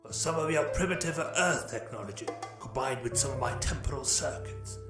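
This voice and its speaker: A man voicing the Doctor, an eccentric, genteel alien time traveller who talks softly and politely and explains things with many a "well". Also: mid-range voice, expressive, a little fast, natural voice. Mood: breezy. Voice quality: polite, fussy, old-fashioned English phrasing. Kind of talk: audiobook character voice. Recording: roomy echo, distant mic, faint music.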